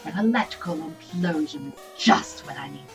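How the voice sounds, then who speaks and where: A woman voicing a haughty, menacing sleeping dragon in a video game, speaking slowly and grandly. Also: sits low, expressive, recorded from a distance, soft background music.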